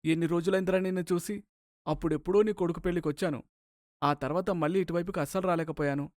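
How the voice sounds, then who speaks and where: Man doing chatty old friend, higher voice, dry close sound. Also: steady tone, quick pace, a little mellow, no echo, natural voice. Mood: friendly.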